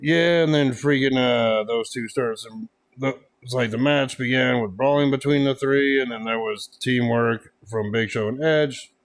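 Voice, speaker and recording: A man's voice: medium pitch, measured pace. A man casually reviewing a wrestling event, rambling with lots of fillers and frequent laughs. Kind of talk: casual podcast chat.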